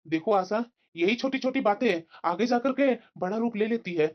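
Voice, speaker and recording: A woman's voice: fairly high pitch, expressive, moderate pace, natural voice. A woman voicing a stern older father-in-law in a cartoon, who lectures and disapproves. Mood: grumbling. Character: stern, grumbling older father-in-law, protective of his wife. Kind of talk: cartoon voice acting. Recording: slightly dull lo-fi audio.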